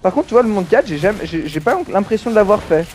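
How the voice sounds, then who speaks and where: Brief: young male let's-play host, teasing and chatty, soft warm tone. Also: sits high, lively intonation, fast, a little hiss or hum. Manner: playful, chatty, teasing, with many fillers. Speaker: gaming channel host. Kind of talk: casual let's play chat.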